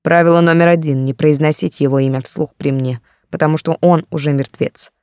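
A cruel, jealous warlord spits contempt and threats, as an audiobook reader voices him. The tone is dark and mellow, and the recording is close and completely dry, with no room around it. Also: medium pitch, fairly even intonation, a little fast, clear, resonant tone, dry recording, natural voice. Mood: menacing. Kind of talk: audiobook character reading.

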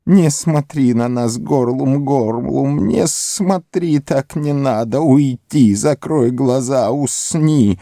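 A man's voice: mid-range voice, slow pace, hardly any pauses, warm tone, no room sound, clean studio sound, voice pushed up. A man voicing Gollum, a wretched, cunning creature who whines, hisses and pleads in an audiobook. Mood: tormented. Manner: whining, hissing, pleading. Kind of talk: audiobook character voice.

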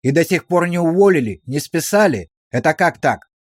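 A man's voice: on the high side, expressive, dry recording, clean studio sound. A man reading a stern, ironic village policeman. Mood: interrogating. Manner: measured, drily ironic questioning.

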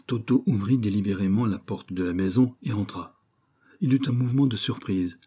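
A man narrating a novel in a steady, measured audiobook reading. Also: on the low side, breathy edge.

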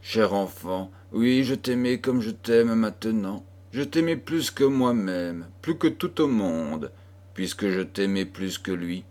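A man voicing a troubled mother who speaks gravely and sorrowfully to her daughter, in an audiobook. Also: on the low side, expressive, takes it slowly, darkish tone. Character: grieving, troubled mother with a dark secret.

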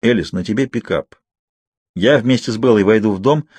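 A man's voice: on the low side, moderate pace, darkish tone, breathy edge. Man reading a commanding young man. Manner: clipped, commanding. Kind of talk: audiobook character reading.

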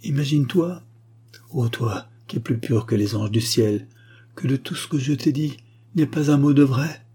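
A man's voice: mid-range voice, moderate pace, mellow, slightly rough, pitched above the performer's own voice, natural voice. A man voicing a remorseful, tender aristocratic mother in an audiobook reading, earnest and confiding.

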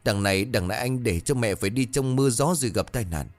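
A man's voice: mid-range voice, expressive, quick pace, faint music behind, lightly acted. A man voicing an indignant younger son who bluntly accuses his brother.

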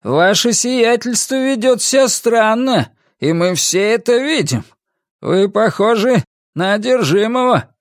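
A man putting on a high, defiant village headman. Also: normal speed, dry recording, studio quality. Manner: defiant, fearless, slightly shaky. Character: bold male village headman, defiant peasant.

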